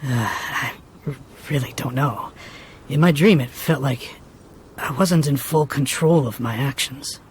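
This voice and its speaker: A man playing a sleepy, bewildered villager in a video game, with a husky, breathy voice. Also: mid-range voice, unhurried, a little hiss or hum, close to an everyday voice. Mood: hazy, unsure. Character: groggy, bewildered male villager just woken. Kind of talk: video game character acting. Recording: faint game music behind the voice.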